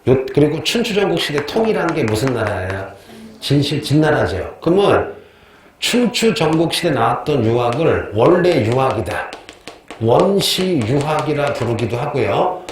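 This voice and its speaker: A man's voice: mid-range voice, sing-song, normal speed. A man teaching a history class, asking questions and answering them himself, repeating key terms and telling joking stories. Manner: chatty, tells joking anecdotes. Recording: very echoey classroom with faint noise.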